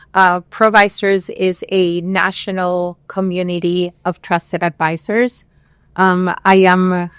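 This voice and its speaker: A woman from Peru who moved to the US as a child, talking as a podcast guest in a measured way, pausing often with fillers. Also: on the low side, clean tone, no echo, studio quality. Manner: measured, with frequent pauses and fillers. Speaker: podcast guest, regional director. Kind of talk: interview conversation.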